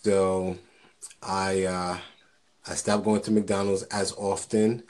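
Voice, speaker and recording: Low-voiced guy in a casual chat, earnest and encouraging, repeats himself a bit. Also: little pitch movement, slow, darkish tone. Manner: earnest, encouraging, repeats words when starting. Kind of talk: casual conversation.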